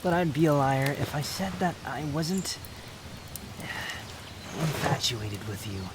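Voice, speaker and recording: A man playing a prideful, sharp-tongued puppet wanderer with a secret fondness, speaking to the listener in a roleplay audio drama, haughty and unhurried. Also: fairly high pitch, animated, noisy background. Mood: wry, confessing.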